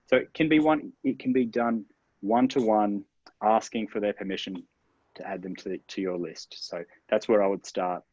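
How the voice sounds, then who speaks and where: Male guest expert, low-ish voice, upbeat explainer, dry dull recording. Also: normal speed, a little mellow, no echo. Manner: upbeat, explanatory, stresses key words. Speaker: internet marketing guest expert. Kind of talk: interview advice, explaining step by step.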